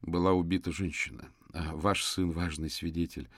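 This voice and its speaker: Man playing a gentle charming detective, soft deep voice, dry. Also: level tone, moderate pace, no echo. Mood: soothing. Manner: gentle, conciliatory. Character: charming, soothing male detective.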